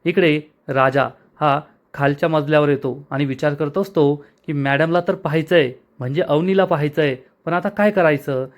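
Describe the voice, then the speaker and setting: A man narrating a recap of a TV serial episode in a brisk storytelling manner. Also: fairly high pitch.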